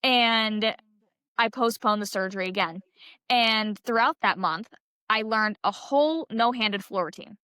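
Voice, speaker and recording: A woman's voice: mid-range voice, a little slow, sharp tone, clear, resonant tone, dry recording, studio quality. A young woman in her twenties, a podcast guest chatting casually and filling her story with "like" and "um". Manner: chatty, heavy use of "like" and "um". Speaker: podcast guest, college gymnast.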